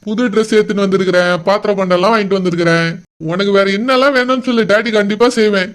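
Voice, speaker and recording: A man plays a doting middle-aged father in a cartoon who comforts his daughter tenderly. His voice sits high for a man and sounds clean and smooth. He talks in soft, reassuring phrases. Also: very fast. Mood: soothing. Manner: soothing, affectionate. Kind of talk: cartoon voice acting.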